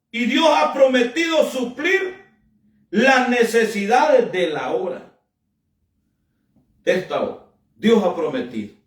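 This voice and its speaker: A man's voice: very high-pitched, a bit bright. Guy preaching hard, lots of emphatic calls, sounds far off the mic in an echoey room. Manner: emphatic, fervent preaching with frequent "amén" and "hermano". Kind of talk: sermon.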